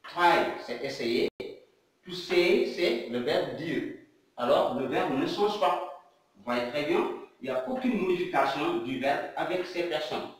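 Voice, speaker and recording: Senegalese man, grammar teacher, unhurried and repetitive, slightly high voice, distant mic. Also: very animated. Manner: slow, repetitive, rhetorical questions. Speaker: English teacher. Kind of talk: classroom grammar lesson. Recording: echoey room, mic at a distance.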